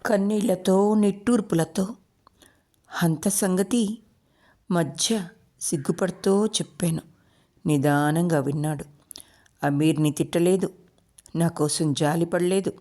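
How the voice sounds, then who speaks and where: A woman storyteller reading a literary novel aloud in the first person, with slow, emotive delivery. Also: on the low side, warm tone.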